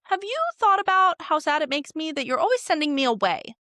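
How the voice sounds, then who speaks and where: Woman doing a whiny schemer brother, pitched up, dry. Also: animated, brisk, bright, forceful tone, no room sound. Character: sulky scheming royal brother, adult man.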